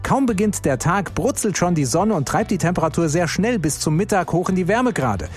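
A man giving the radio weather forecast in a lively, chatty way. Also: high voice, brisk, faint music behind. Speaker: weather presenter.

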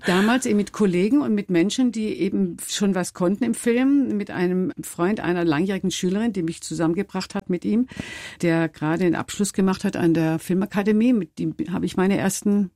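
A woman's voice: medium pitch, a little fast, dark tone, dry recording, clean studio sound. A woman, a documentary filmmaker, telling how she started out and often restarting her sentences. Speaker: documentary filmmaker, interview guest. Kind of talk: relaxed interview talk.

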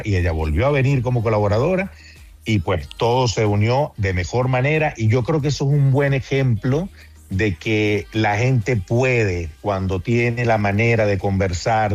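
A man's voice: lowish voice, darkish tone, lo-fi sound. A man, a TV producer, talking earnestly in a casual interview. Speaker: TV producer and guest.

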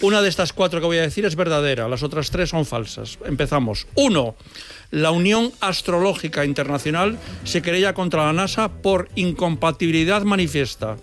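A man's voice: a little high, lively intonation, brisk, fairly bright tone. A man hosting a radio quiz segment, reading out true-or-false news items in a playful, self-mocking way. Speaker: quiz host.

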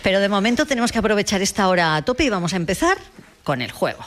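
A woman's voice: mid-range voice, big pitch swings, fast. A woman hosting a live radio show from a busy library, stretching words for emphasis. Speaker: radio host. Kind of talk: live radio broadcast on location. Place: public library during a live event.

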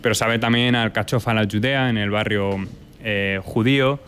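A man's voice: lowish voice, fairly even intonation, moderate pace, a bit bright, a little hiss or hum. A young Spanish man, a chef and restaurant owner, answering interview questions thoughtfully with many fillers and restarts. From Spain.

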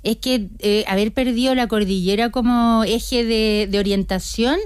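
A woman's voice: on the high side, fairly even intonation, measured pace, smooth, dry recording, studio quality. A woman in her sixties, a guest on a radio interview, telling stories with many restarts. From Chile. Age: older. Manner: chatty, storytelling with many restarts.

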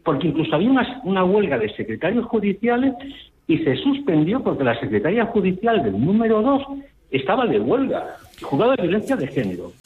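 A man's voice: high voice, wildly swooping pitch, fairly quick. A man calling in over the phone to a radio show, indignant and insistent as he lays out his complaint. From Spain. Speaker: caller. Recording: tinny phone line.

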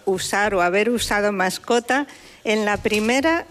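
A woman co-hosting a radio chat about words, explaining usage in a measured way. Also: mid-range voice, big-room sound. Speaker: radio co-host on word usage.

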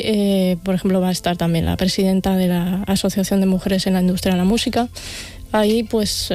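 Even-toned Manchegan woman, mellow voice. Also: mid-range voice. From Castilla-La Mancha, Spain. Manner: measured, explanatory, many fillers and tag questions. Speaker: festival organizer guest. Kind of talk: radio interview.

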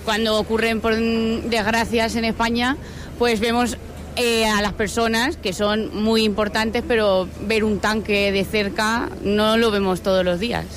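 A passer-by answering a reporter in a hesitant, conversational way, with very little movement in pitch. Faint street noise is heard outdoors. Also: flat delivery, unhurried, a bit bright. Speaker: passer-by interviewee.

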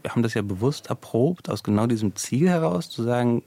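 A man's voice: medium pitch, lively intonation, a little fast, mellow, no echo. A male sociologist explaining in a radio interview, thinking aloud with fillers as he goes. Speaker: sociologist guest.

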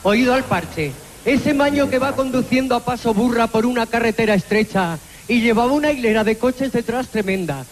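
A woman's voice: a little high, normal speed, a little hiss or hum. A woman telling folksy regional jokes on television, playfully mimicking characters. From Zaragoza, Spain. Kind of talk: stand-up joke telling.

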